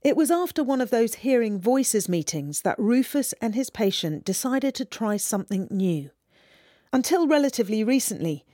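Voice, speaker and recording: A woman reporter giving scripted documentary narration in a measured, storytelling manner. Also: a little high, dark tone, dry recording, studio quality.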